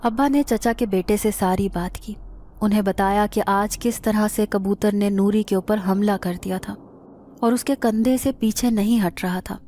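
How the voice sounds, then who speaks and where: A woman narrating a scripted first-person horror story in a steady, dramatic manner. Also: mid-range voice, a little hiss or hum.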